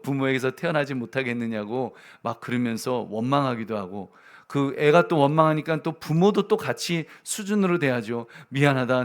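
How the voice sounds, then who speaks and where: A man delivers a Sunday sermon at a middling pitch. He talks to the congregation like a conversation partner, with soft asides and loud, emphatic moments. His delivery stays chatty rather than formal. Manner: conversational preaching, addresses the congregation often, chuckles. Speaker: pastor.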